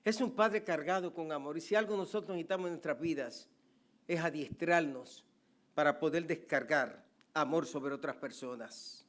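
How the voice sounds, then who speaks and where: An older male pastor preaching a sermon, swinging from soft conversational asides to loud, emphatic passages. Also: on the high side, normal speed.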